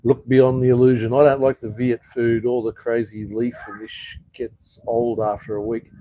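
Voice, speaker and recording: A man's voice: mid-range voice, little pitch movement, normal speed, dark tone, low-quality recording. An Australian man hosting a casual live chat, reading viewer comments and answering bluntly, swearing often and calling people "mate".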